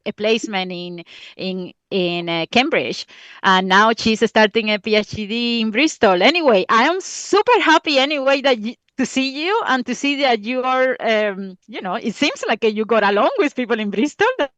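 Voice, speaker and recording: A woman's voice: mid-range voice, moderate pace, a bit bright, no echo. A woman with a Spanish accent chatting as a guest on an online quiz over a video call, hesitant and repeating words. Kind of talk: casual chat.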